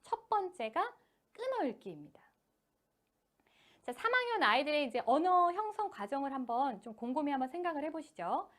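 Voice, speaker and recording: Lively, high-pitched woman lecturing parents. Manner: addresses parents politely, acts out parent and child quotes; reads example sentences slowly in spaced phrases. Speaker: education team leader giving a lecture to parents. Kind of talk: lecture to parents on children's reading.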